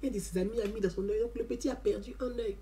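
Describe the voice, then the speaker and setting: A woman telling an animated story as a testimony. She talks emphatically, repeats her phrases and often adds "hein". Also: medium pitch, fast talker. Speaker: community member giving a testimony.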